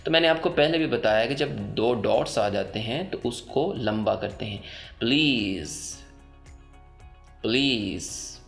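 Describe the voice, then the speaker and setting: A man with a Pakistani accent teaching English pronunciation in a voice-over, explaining slowly and repeating each example word several times. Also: mid-range voice, vocal fry, faint music behind. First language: Urdu. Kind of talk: pronunciation lesson.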